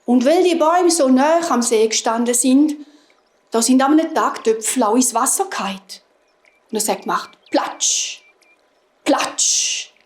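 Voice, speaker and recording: A woman with a Swiss German accent telling a fairy tale to children in a gentle, unhurried manner. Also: sits high. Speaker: storyteller. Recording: roomy echo.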